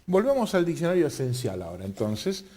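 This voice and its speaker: A man's voice: fairly high pitch, wildly swooping pitch, brisk, mellow. A man with an Argentine accent hosting a TV interview, friendly and joking, with brief interjections. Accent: Argentine Spanish. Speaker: TV host.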